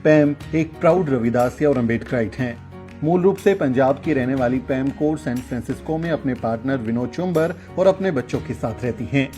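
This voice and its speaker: A man's voice: mid-range voice, brisk, mellow, soft background music. A man hosting a vlog, narrating and interviewing on city streets with energy, mixing Hindi and English. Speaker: host and vlogger.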